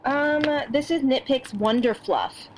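A woman's voice: high-pitched, a little slow, a little hiss or hum, rough recording. A woman co-hosting a knitting podcast at home, chatting casually with many fillers and restarts. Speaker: podcast co-host. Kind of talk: casual chat.

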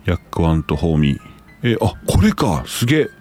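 Man, Kansai accent, casual host, reads listener messages, quick exclamations, expressive pitch. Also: soft background music. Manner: exclaims often, reacts aloud to messages. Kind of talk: casual live-stream chat.

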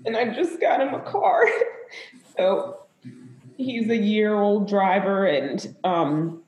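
A woman pastor from Zambia and the US, speaking in a live panel conversation in a halting, emotional way with many fillers. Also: medium pitch, expressive, darkish tone, muffled recording, a little hiss or hum. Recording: echoey room.

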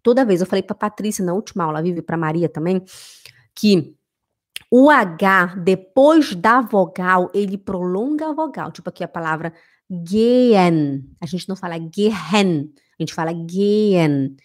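A Brazilian woman with a Carioca accent, teaching German pronunciation in a live online lesson and acting out little dialogues while slowly repeating words for practice. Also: medium pitch. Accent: Brazilian Portuguese, Carioca. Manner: animated, drills words by repeating them slowly.

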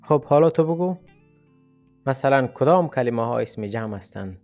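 A man's voice: medium pitch, expressive, darkish tone, muffled recording, faint music behind, lightly acted. A man voicing a stern male schoolteacher who speaks in a dry, formal way.

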